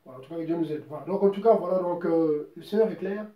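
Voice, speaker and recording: A man with a fairly high voice preaches fast in an informal, emphatic sermon, repeating words and quoting scripture at length. He's distant from the mic, and the lo-fi recording has a roomy echo.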